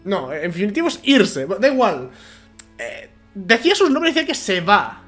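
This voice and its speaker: A man from with a cold commentating a video game at a home microphone, half-shouting and rambling. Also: sits high, wildly swooping pitch, normal speed, soft background music. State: has a cold. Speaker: gamer. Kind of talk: let's play commentary.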